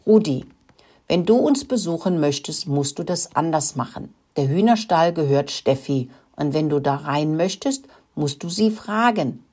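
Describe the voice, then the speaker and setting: A woman's voice: deep voice, expressive, a little slow, dark tone, breathy edge, exaggerated voice. A woman voicing a caring father mouse who patiently teaches the young ones.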